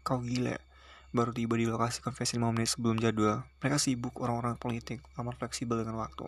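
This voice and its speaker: An irritated male political fixer scolds down the line in a storybook reading, voiced by a man. The voice is gravelly and rolls along quickly with a reproachful edge. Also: mid-range voice, completely flat delivery, dry recording, natural voice. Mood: exasperated. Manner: reproachful, complaining.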